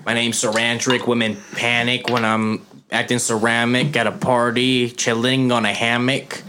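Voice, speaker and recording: A man's voice: medium pitch, level tone, normal speed, noisy background. Rowdy joking man hosting a chat. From Arizona. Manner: swearing, joking, talking over others. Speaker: podcast host. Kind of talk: casual chat among friends.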